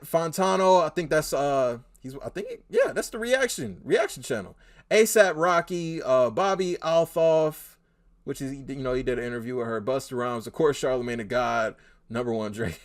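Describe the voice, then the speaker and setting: A man reacting casually to a video, laughing often and getting loud and excited as he talks back to it. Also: fairly high pitch. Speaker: reaction streamer.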